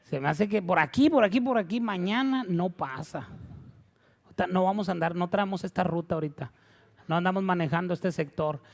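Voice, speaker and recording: A man acting out a disciple who casually brushes someone off. His tone is offhand and a little lower than the preacher's own voice, with a gravelly edge. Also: fairly quick. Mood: dismissive. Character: casual dismissive male disciples.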